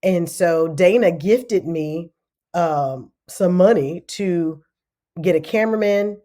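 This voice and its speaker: A middle-aged woman telling stories in a casual podcast interview, animated and lively. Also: on the low side, slow. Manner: animated, acts out other people's voices. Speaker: podcast guest.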